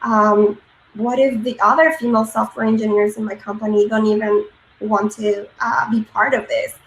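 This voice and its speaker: A woman's voice: mid-range voice, little pitch movement, normal speed. Woman, thirties, grew up in Peru; earnest conference speaker, filler-heavy, roomy echo on the recording. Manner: frequent ums and uhs, earnest. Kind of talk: presentation talk. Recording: echoey room with faint noise.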